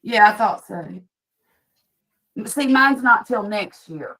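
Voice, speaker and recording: A woman's voice: medium pitch, animated, takes it slowly, fairly bright tone. A woman, hosting a casual chat and telling stories chattily. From US Gulf Coast. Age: 50s. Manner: chatty storyteller, acts out quoted voices. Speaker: host.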